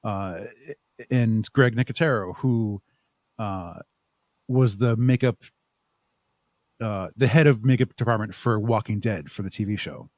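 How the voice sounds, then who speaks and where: An audio drama creator speaks as a podcast guest in a casual interview, rambling thoughtfully and poking fun at himself. His fairly low, slightly mellow voice moves a little slowly with long pauses, and there's no room sound.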